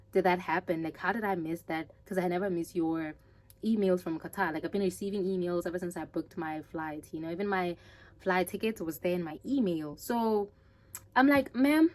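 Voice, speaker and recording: A young woman from Botswana telling a personal travel story in a casual, animated way, acting out the other people's lines. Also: lowish voice. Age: young adult. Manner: animated, acts out quoted voices. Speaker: vlogger.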